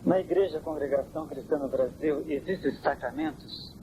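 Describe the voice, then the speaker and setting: Priest interviewer on worn tape. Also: male voice, fairly high pitch, normal speed. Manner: calm, questioning. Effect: old worn cassette tape. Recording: hissy worn cassette tape.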